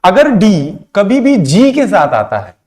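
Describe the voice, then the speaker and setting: A man's voice: high voice, wildly swooping pitch, takes it slowly, darkish tone. A young man from India teaching pronunciation in a classroom lesson, asking questions and answering them himself. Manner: asks questions then answers them himself, mixing Hindi and English.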